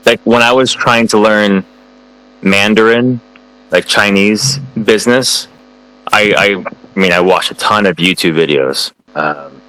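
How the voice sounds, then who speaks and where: On a rough recording, an American man with a lowish, bright, forceful voice takes his time answering students' questions as a guest in a casual online chat. He hesitates often, filling gaps with fillers and restarting sentences.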